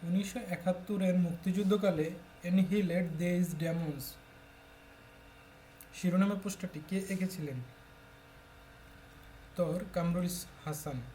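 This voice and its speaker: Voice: medium pitch, fairly even intonation, takes it slowly, long pauses, mellow, a little hiss or hum. A tutor from Bangladesh steadily reading exam questions aloud and announcing each answer in turn.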